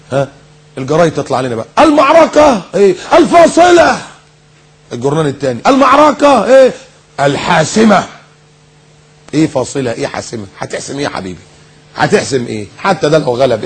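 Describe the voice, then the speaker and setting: Male Egyptian preacher, husky, slightly high voice, animated and sarcastic sermon delivery. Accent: Egyptian Arabic. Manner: animated, mocking, rhetorical questions, mimics others. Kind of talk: recorded sermon lecture.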